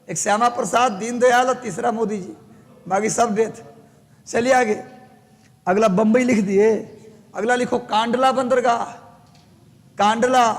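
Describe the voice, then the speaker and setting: A man's voice: high voice, long reverb tail. A man teaching a live class, dictating and joking with students, his voice strained by a sore throat, with a Bihari Hindi accent.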